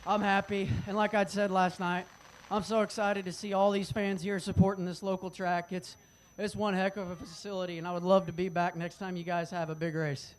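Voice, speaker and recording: A man's voice: high-pitched, little pitch movement, brisk. A man from Oklahoma, a race driver, speaking off the cuff and plainly in a victory lane interview. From Oklahoma, United States. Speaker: race car driver, winner being interviewed. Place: outdoors on a speedway front stretch. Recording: noisy outdoor trackside sound.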